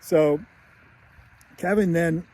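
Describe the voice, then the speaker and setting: A man's voice: on the high side, drawn-out words, a little mellow. A man teaching screenwriting, chatting casually and chuckling as he retells scenes. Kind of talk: casual film breakdown.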